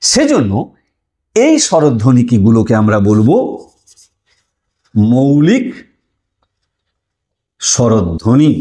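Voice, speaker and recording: A man's voice: medium pitch, very animated, slow pace, long pauses, dark tone. A man teaching a lesson online, explaining step by step, drawing out sounds and asking listeners questions.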